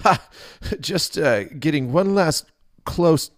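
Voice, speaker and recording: A man's voice: lively intonation, slow, dry recording, studio quality. A man voicing a nervous young male priest who stammers and yelps in panic. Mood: flustered. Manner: jittery, stammering, yelping high outbursts.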